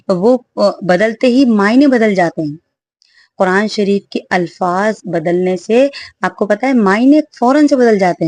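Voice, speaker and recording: A woman with a Pakistani Urdu accent teaches Quran recitation in an online lesson. She talks earnestly at a middle pitch, repeats herself often and fills pauses as she explains. The recording is dry, with no room echo. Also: a little mellow. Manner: earnest, repetitive teaching with many fillers.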